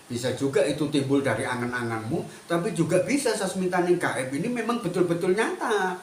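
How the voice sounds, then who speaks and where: A man's voice: on the high side, fairly quick, roomy sound, slight background noise. Man giving a spiritual talk. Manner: animated, mixes Indonesian and Javanese, chatty asides. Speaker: spiritual teacher. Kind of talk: spiritual talk, addressing listeners.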